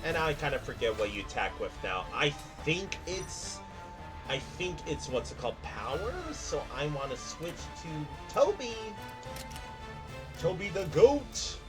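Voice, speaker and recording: A man's voice: a little high, very animated, normal speed, low-quality recording. A man streaming a video game, giving casual live commentary to his chat. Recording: loud game music behind voice. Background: video game music.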